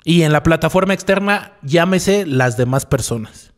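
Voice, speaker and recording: A man's voice: fairly high pitch, expressive, moderate pace. A male psychologist giving a reflective radio talk, asking the listener rhetorical questions and repeating key phrases. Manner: asks the listener rhetorical questions, tags lines with "¿no?".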